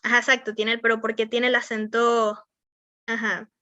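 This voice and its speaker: A woman's voice: a little high, level tone, normal speed, sharp tone, no room sound, lo-fi sound. Rambling young Venezuelan woman teacher. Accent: Venezuelan Spanish. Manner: rambling, many fillers like "o sea" and "este"; checks in often with students. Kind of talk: online class on verbal skills.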